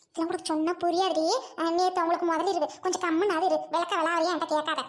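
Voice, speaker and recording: A scolding, grumbling mother-in-law with a sharp tongue, as a woman puts her on in a comic family skit. The voice stays very high even while she nags. She talks in a steady run of complaints. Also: rapid-fire. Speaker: skit performer.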